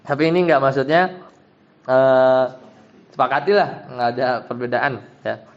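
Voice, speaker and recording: A man's voice: medium pitch, normal speed. A man, an Islamic teacher, explaining Arabic grammar to a class, patiently checking that his students follow. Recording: dull lo-fi sound.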